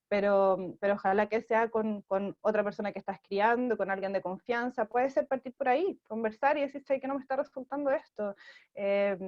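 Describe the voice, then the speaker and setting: A woman's voice: mid-range voice, muffled recording. A woman with a Chilean accent, a parenting program director, giving parenting advice in an interview, explaining with many fillers and checking in with "¿sí?".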